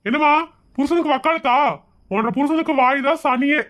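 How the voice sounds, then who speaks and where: Comedy skit: man as touchy, self-important bungling lawyer, high voice, quick indignant delivery. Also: a bit bright. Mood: offended. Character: pompous, touchy bungling lawyer, easily offended.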